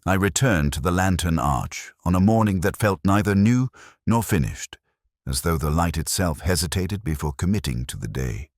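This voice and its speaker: A man playing a weary, introspective police inspector, narrating his case in a measured, solemn, contemplative literary style. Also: sits low, expressive, no echo, clean studio sound. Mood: pensive, solemn. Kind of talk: slow literary first-person scripted narration.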